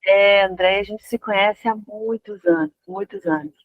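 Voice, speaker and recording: A woman in her fifties from Argentina, a guest dancer talking casually in an interview, relaxed and pausing to find her words. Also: medium pitch, creaky, dry recording, phone-quality sound. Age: 50s. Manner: relaxed, searching for words with restarts.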